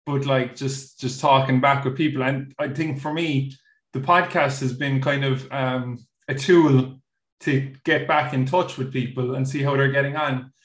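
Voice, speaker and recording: A man with an Irish accent from Cork, hosting a casual chat in a halting way, with an echoey sound. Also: medium pitch, steady tone, a bit bright. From Cork, Ireland. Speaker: podcast host.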